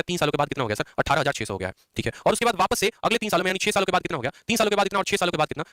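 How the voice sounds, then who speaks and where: A man teaching an exam-prep math lesson, drilling students with quick repeated questions. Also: sits high, bright, forceful tone, no echo, clean studio sound.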